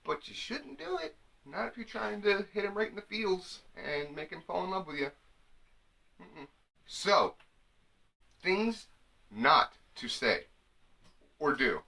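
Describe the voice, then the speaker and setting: A man's voice: high-pitched, slow, creaky, long pauses. A young man giving comic advice straight to the camera. He jokes his way through, sometimes slipping into mock women's voices. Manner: animated, jokey, slips into mock women's voices. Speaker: comedy vlogger.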